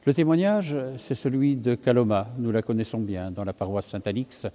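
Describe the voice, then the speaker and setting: A priest giving a sermon, thinking aloud with many fillers and self-corrections. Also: male voice, mid-range voice, moderate pace, dark tone, long reverb tail. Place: church.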